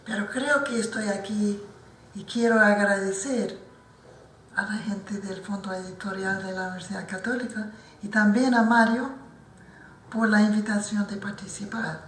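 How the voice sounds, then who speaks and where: Slow, careful and full of restarts, an older woman for whom Spanish is not her first language comments formally at a book launch in an institute's lecture hall. Her voice has medium pitch and fairly even intonation, and the roomy hall was recorded from a distance with slight background noise.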